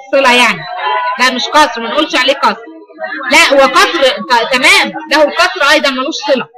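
A woman's voice: high voice, quick pace, over music, rough recording. A woman with an Egyptian accent teaching recitation variants, asking students questions and repeating their answers. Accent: Egyptian Arabic.

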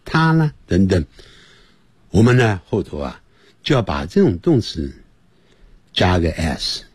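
A man teaching English on a radio lesson, explaining patiently and repeating words slowly for pronunciation. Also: low-pitched, very animated, breathy edge, no echo.

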